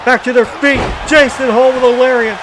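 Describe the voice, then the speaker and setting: High-pitched shouting male wrestling commentator. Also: steady tone, moderate pace. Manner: shouted, dramatic exclamations. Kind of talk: excited play-by-play wrestling commentary. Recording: music and crowd noise behind.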